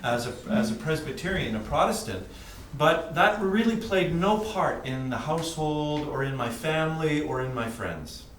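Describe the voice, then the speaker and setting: Male testimony speaker, Western Canadian accent, unhurried short phrases, slightly high voice, roomy distant sound. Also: expressive, a bit bright. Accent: Western Canadian English. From British Columbia, Canada. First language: English. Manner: pauses between short, plain phrases. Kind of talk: personal testimony told in short phrases for translation. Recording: distant mic in echoey room, faint noise.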